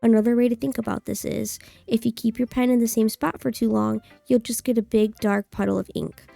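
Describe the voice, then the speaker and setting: A woman streamer voicing a gentle, thoughtful schoolgirl poet who leads a club in a visual novel game, calm and encouraging. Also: on the high side, fairly quick, creaky, dry recording, faint music behind.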